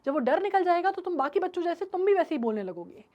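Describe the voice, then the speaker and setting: Kind, gentle female teacher coaxing a timid child, put on by a woman reading the story aloud; soft and high. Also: sing-song, fast, muffled recording. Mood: encouraging.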